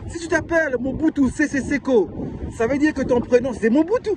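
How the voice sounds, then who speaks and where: A man's voice: extremely high pitch, fairly quick, background noise. A man from Brazzaville with a Congolese French accent, an author giving a passionate personal testimony full of rhetorical questions. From Republic of the Congo (Brazzaville).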